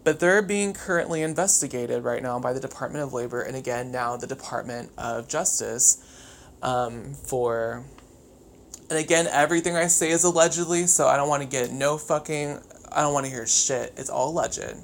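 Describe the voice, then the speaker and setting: A podcast host talks solo and casually, wired and chattery with over-caffeinated energy, swearing freely. The voice is medium-pitched at normal speed, and background noise is clearly audible.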